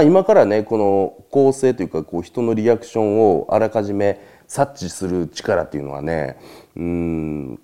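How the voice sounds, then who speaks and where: A man talks alone as host in a relaxed, chatty monologue. His voice sits fairly low but swings widely in pitch as he tells his stories. He breaks into short laughs between points. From Japan. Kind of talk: casual solo talk monologue.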